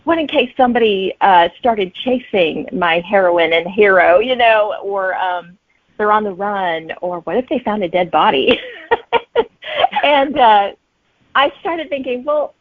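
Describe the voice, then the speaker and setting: Here a romantic suspense author, a middle-aged woman, chats as an interview guest, recounting stories and voicing thoughts as they come. Her pitch is medium, her intonation lively, and her pace unhurried. There's no echo, though the line is thin and band-limited like a phone call.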